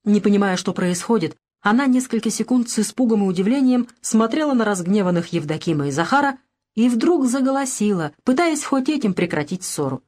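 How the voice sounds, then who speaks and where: A woman narrating a novel as an audiobook, in a steady, even storytelling manner. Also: mid-range voice, fairly quick. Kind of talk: scripted narration.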